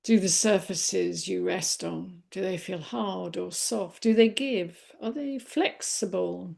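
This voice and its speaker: A meditation teacher guides a body scan gently and without hurry, leaving long pauses. Her voice is lowish with vocal fry.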